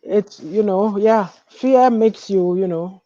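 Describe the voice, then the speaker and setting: Mellow woman on a dull, dry line. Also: mid-range voice, slow, dry recording. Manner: gentle, explains with everyday examples. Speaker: book club member. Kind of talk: casual group book discussion.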